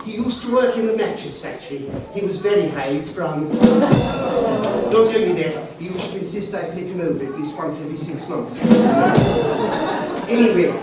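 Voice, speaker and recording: A man's voice: sits high, expressive, brisk, loud music behind the voice. An actor playing a brash, man-hungry pantomime dame nanny, bantering bawdily with the audience, heard from far off in an echoey hall. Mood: cheeky. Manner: bawdy, flirty patter with the crowd. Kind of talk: amateur pantomime acting to the audience. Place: large hall with live audience.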